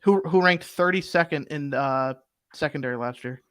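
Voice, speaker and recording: A young man co-hosting a sports betting show, arguing football picks in casual, animated talk full of fillers. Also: a little high, normal speed, smooth, no room sound. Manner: animated, argumentative, rambling with fillers.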